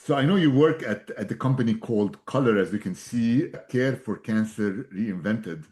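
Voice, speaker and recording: A man's voice: lowish voice, normal speed, a little mellow. A man hosting a podcast interview, asking questions in a casual, hesitant way with fillers. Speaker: podcast host.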